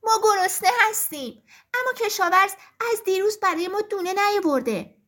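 Woman doing shrill, hungry hens. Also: expressive, a bit bright. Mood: upset, hungry. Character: hungry, upset farmyard hens.

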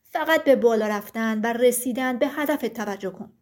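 A woman voicing a huge stone giant who gives slow, solemn warnings in a thick deep voice. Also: a little mellow, close to an everyday voice. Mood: stern warning.

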